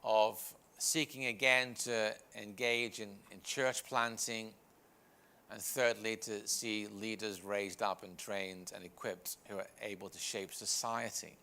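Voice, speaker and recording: A man's voice: on the low side, steady tone, a little slow, bright, forceful tone. A man hosting a session informally, introducing and questioning guests, rephrasing hesitantly as he goes. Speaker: session host and interviewer.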